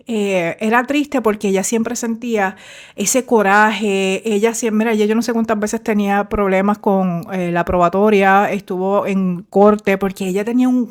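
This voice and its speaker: A middle-aged woman, a former therapist hosting a faith-based motivational podcast in a warm, conversational way. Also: medium pitch. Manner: warm, conversational, mixes English fillers into Spanish.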